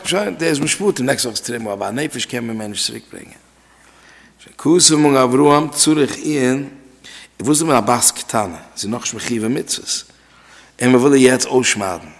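Gravelly-voiced man teaching religious law. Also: medium pitch. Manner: repeats key phrases and asks questions aloud. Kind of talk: Talmudic law class. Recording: long reverb from a hall.

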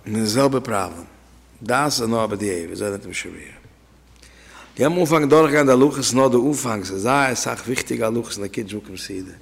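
A man's voice: mid-range voice, brisk, creaky, husky. A man teaching an informal religious law lesson as a rabbi, talking conversationally and telling anecdotes to his listeners. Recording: reverberant hall.

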